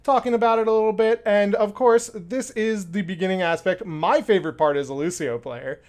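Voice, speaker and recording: A man's voice: high voice, a little fast, a little mellow. A man hosting a casual live-streamed podcast, laughing often and stumbling over restarts. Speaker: podcast host and community ambassador.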